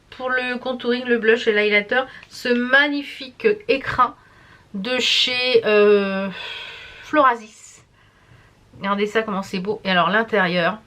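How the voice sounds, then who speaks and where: A woman's voice: on the high side, bright, forceful tone. A tired woman chatting casually to camera as a vlogger, rambling and stumbling over her words. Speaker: beauty and embroidery vlogger.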